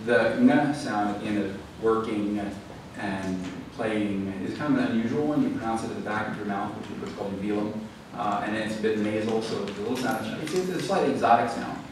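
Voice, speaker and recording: A man with a fairly low, slightly fast voice answers questions as the author at a library event, thoughtful and explanatory but with frequent fillers and restarts. He's recorded from the room in an echoey hall, well away from the mic, with audible room noise.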